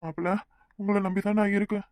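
A man's voice: high-pitched, little pitch movement, quick pace, a little mellow, no room sound, natural voice. Man voicing a frail pleading old father. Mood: weak pleading. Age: older. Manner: pleading, weak. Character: ailing elderly father, fearful and tender. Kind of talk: cartoon voice acting.

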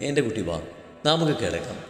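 A man voicing a fierce yet tender young husband, speaking low, hushed and gentle. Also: very animated, fairly quick, close to an everyday voice. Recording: reverberant room with background music.

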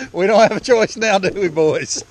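A man in his forties talking excitedly outdoors on a trail, recorded on an action camera. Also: high voice, noisy background. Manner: whooping, laughing, excited. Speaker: vlogger. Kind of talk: excited banter while riding.

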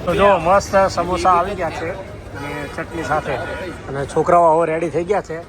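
A man's voice: on the high side, steady tone, normal speed. A man narrating a casual festive vlog into a phone camera, chatting directly to his viewers. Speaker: vlogger. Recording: street and traffic noise.

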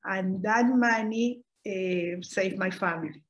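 Recorded on a webcam during a video call, this lo-fi clip has slight background noise. The speaker, a middle-aged woman from Costa Rica being interviewed for oral history, talks about her family's history indoors at home in a mid-range voice, slowly, saying "eh" often and correcting herself as she goes.

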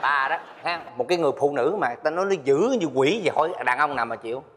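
A man's voice: fairly high pitch, rapid-fire. A man comedian in a stage sketch, answering back indignantly with squawking retorts. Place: stage before a live audience. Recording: live stage, long hall reverb, noise.

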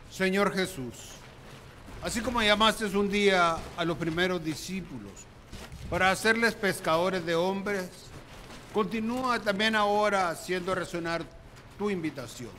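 A man's voice: high-pitched, measured pace, pauses often, sharp tone. A man in his sixties, a deacon reading prayers aloud at Mass into a close microphone. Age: 60s. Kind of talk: read prayer and liturgical dismissal. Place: small open-sided chapel in daylight. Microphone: handheld or stand microphone, close. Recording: clear ambient background noise.

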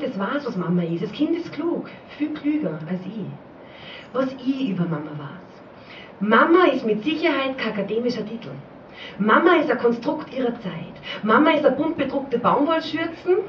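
A woman's voice: fairly high pitch, sing-song, moderate pace, a little hiss or hum. A woman performing a spoken-word poem at a poetry slam in a rhythmic, repetitive way, in a small pub. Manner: rhythmic, repetitive, dialect-tinged recital. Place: small pub stage before an audience. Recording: dull, roomy live recording from far off.

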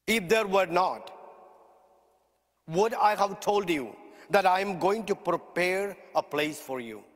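A man serving as priest, reading the Gospel at a funeral Mass in a measured liturgical way, his voice ringing with cathedral echo. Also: high voice, animated. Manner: slow, measured liturgical delivery. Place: large church. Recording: long church reverb, heard from a distance.

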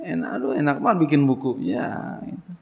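Male preacher, gravelly, colloquial question-and-answer lecture, muffled low-fi audio. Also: very animated, fairly quick. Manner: colloquial, call-and-response questions. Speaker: pesantren teacher. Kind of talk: casual religious lecture. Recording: dull lo-fi lecture recording.

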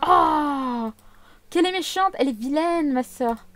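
A woman's voice: sits high, expressive, a little slow, a bit bright, a little hiss or hum. A woman voicing a bossy, tantrum-throwing little girl who shrilly demands things. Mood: indignant, bossy.

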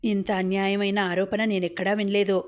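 A woman reading the lines of a calm, reserved young man in an audiobook, in a plain, measured delivery. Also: mid-range voice, close to an everyday voice.

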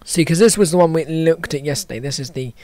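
A man's voice: on the high side, fast, warm tone, no echo. A man with hiccups talking through an animation tutorial in a casual, stop-start way, thinking aloud and correcting himself as he works. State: has hiccups. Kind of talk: casual screen-recorded tutorial.

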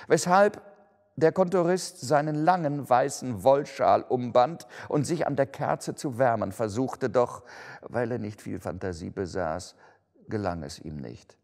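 A male actor reading a classic story aloud in an expressive, measured way. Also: mid-range voice, creaky. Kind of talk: scripted storybook narration. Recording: long hall reverb.

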